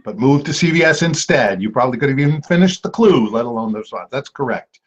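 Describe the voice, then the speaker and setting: A man's voice: medium pitch, quick pace. Guy running an online trivia match, bouncy voice, cracks little jokes, muffled call sound. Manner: lively, playful, jokey asides. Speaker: trivia quiz host. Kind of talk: online trivia game hosting. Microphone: video call. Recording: dull lo-fi video call audio.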